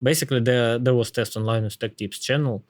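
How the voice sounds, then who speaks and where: Male, Slavic accent, casual tech talker, mid-range voice, halting and repetitive delivery, close dry sound. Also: mid-range voice, fairly even intonation, dry recording. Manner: halting, thinking aloud with frequent repetitions.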